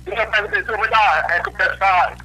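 A listener from Northeast Brazil phones a radio show and rambles on, greeting his friends over a crackly cordless phone line. His voice sits high, with a steady tone and fairly quick speech.

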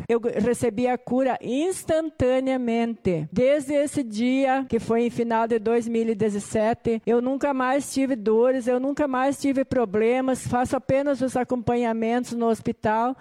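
A woman's voice: high-pitched, dark tone. A woman in her sixties from Brazil giving an earnest, devout personal testimony as a church member. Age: 60s. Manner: earnest, devout, plain retelling.

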